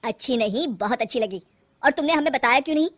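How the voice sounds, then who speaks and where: A woman voicing a gentle young husband who coaxes and questions his wife. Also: high voice, animated, fast. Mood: earnest. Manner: coaxing, earnest.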